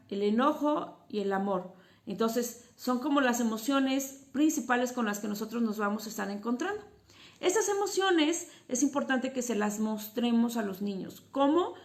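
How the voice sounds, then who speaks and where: A woman gives an informal lesson to parents about children's emotions. Her voice sits a little high and carries a gravelly edge. She explains step by step and keeps asking rhetorical questions before she answers them. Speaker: psychotherapist and teacher. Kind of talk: informal educational talk to parents.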